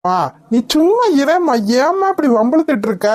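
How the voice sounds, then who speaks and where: Cheeky cartoon son. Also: female voice, sits high, very animated, fairly quick, a little mellow, dry recording, clean studio sound. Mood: exasperated. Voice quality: mocking, cheeky. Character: idle cocky young man, the son. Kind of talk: cartoon comedy voice acting.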